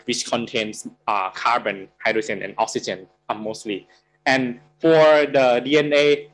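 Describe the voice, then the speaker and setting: A man's voice: medium pitch, low-quality recording. Thai guy in his 30s giving a chemistry-style lecture over a video call, lots of um and uh, keeps restarting. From Thailand. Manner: halting, many fillers and restarts. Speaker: guest lecturer. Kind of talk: academic lecture.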